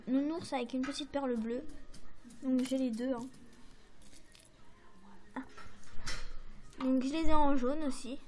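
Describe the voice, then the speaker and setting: High-voiced French woman chatting about crafts. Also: dark tone. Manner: chatty, hesitant, many fillers and apologies. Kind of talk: casual show-and-tell to camera.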